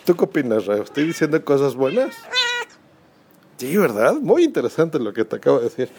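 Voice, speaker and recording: Chatty Mexican man with a gravelly voice. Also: medium pitch, very animated, a little fast, dark tone, a little hiss or hum. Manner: chatty, asks the listener rhetorical questions. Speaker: podcast host. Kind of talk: casual podcasting advice. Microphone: phone.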